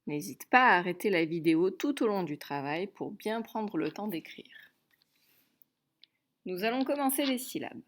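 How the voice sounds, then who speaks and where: A woman teaching a dictation lesson to young pupils, patiently repeating each word and spelling out its sounds. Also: mid-range voice. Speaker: primary school teacher.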